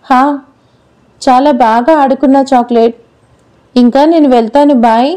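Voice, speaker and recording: A woman's voice: high-pitched, steady tone, moderate pace, mellow, lightly acted. A woman voicing a chatty, affectionate little girl who pouts and prattles in a storybook reading. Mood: eager. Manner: pouting, childlike chatter.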